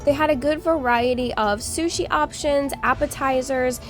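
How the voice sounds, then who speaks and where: A woman's voice: high voice, moderate pace, faint music behind. A woman giving chatty, casual vlog narration about a family outing. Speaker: family vlogger.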